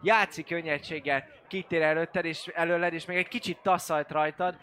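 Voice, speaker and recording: Male game master, fairly high, bright tone; hesitant, rambling narration. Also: fairly even intonation, slight background noise. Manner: rambling, hesitant with many fillers.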